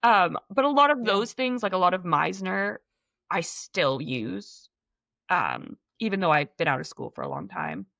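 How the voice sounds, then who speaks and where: A woman's voice: lowish voice, sing-song, a little slow, creaky, pushed and bright, no room sound. A woman in her thirties with a mixed Scottish and American accent, chatting casually as an interview guest, full of "like" and "um". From North East Scotland. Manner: chatty, many "like" and "um" fillers. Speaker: guest actress. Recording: dull lo-fi sound.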